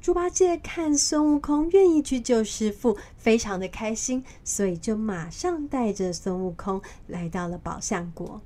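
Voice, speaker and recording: A woman storyteller narrating a children's story in a lively, expressive way. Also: mid-range voice, unhurried, hardly any pauses.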